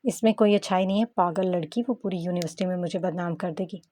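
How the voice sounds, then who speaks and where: A woman's voice: fairly low pitch, quick pace, mellow, a little hiss or hum, natural voice. A woman reading the lines of a brooding, lovesick young man in an audiobook story. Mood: sulky. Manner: muttering, sulky.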